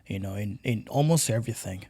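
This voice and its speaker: A man's voice: fairly low pitch, a little fast, gravelly, mellow. A young man from Tanzania, a podcast guest, talking earnestly in casual conversation and often repeating words as he searches for what to say.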